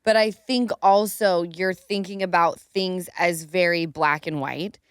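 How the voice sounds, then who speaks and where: A woman hosting a podcast in casual chat, calmly asking questions and steering the talk. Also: lowish voice, unhurried, clear, resonant tone, no room sound, studio quality. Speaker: podcast host.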